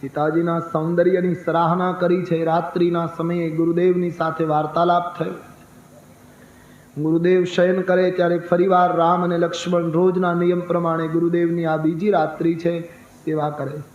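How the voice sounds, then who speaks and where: Man, emphatic katha storyteller, high pitch, echoey dull sound. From Saurashtra, India. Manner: animated, emphatic, chants verses slowly. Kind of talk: devotional storytelling sermon. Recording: echoey, dull, faint ambience.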